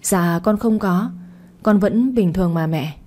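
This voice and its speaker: A woman's voice: lowish voice, a little slow, mellow. Woman reading as a pleading tearful daughter. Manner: pleading, apologetic. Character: frightened, tearful young woman.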